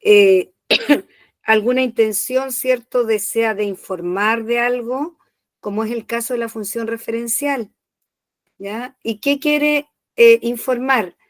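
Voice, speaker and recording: A woman's voice: on the high side, takes it slowly, dry recording. A woman teacher, patiently explaining a lesson in an online class and checking in often. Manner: explains patiently, checks in with "¿ya?" after each point.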